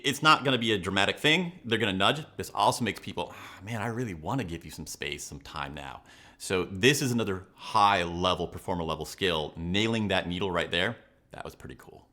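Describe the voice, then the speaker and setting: This video host, a coach in body language and leadership, gives viewers emphatic, instructional analysis. His voice is lowish, bright and forceful.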